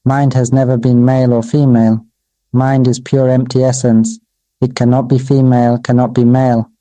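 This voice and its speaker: A Buddhist monk delivering a dharma sermon in a very dark, mellow voice that stays almost level in pitch. He speaks in slow, measured, repetitive phrases that sound like an incantation. The sound is close and dry, with no room echo. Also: level tone. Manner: addresses his own voice as "Mister Voice".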